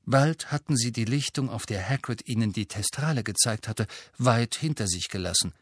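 A man narrates an audiobook from a script at normal speed and medium pitch, keeping a steady storytelling manner.

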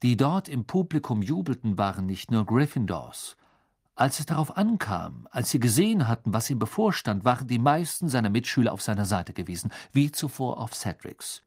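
A man narrating an audiobook in an expressive storytelling voice, recorded close in a studio. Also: medium pitch, moderate pace, husky, no echo. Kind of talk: scripted narration.

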